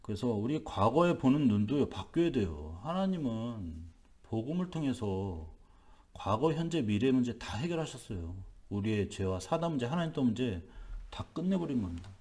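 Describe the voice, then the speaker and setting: Lively-pitched preaching man, dark voice. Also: moderate pace. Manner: emphatic, repetitive preaching with rhetorical questions. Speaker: pastor. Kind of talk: early-morning sermon. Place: church.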